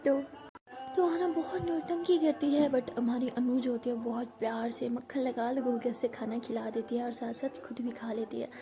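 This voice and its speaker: A woman tells a love story in a relaxed, chatty way, with a high voice. Music plays clearly beneath her narration. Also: normal speed. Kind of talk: casual spoken storytelling. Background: background music.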